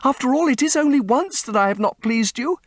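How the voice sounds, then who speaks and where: A man's voice: very high-pitched, lively intonation, a little fast, no room sound, studio quality, pitched above the performer's own voice. A man voicing a desperate young actress who pleads tearfully with her lover not to leave her. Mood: tearful pleading. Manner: tearful, breathless begging.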